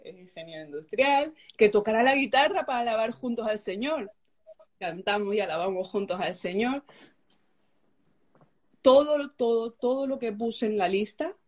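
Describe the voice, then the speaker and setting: Young woman, animated testimony, husky and fairly high voice. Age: young adult. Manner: emotive storytelling, acts out quoted dialogue. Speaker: guest sharing a conversion story. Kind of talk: personal testimony, casual.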